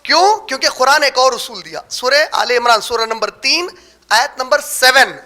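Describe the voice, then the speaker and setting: This man's voice is extremely high, pushed and bright, with lively intonation, as he delivers an Islamic lecture on prayer rulings. He unpacks terms step by step, asks and answers his own rhetorical questions, and slows to stress key words.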